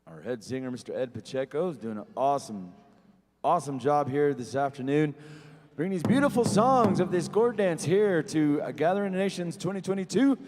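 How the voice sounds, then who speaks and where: A man's voice: fairly high pitch, expressive, brisk, a little mellow, slight background noise. A man working as a powwow emcee, making announcements over a PA in a folksy, joking way, talking straight to the crowd. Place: large echoing venue. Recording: long reverberant arena PA sound.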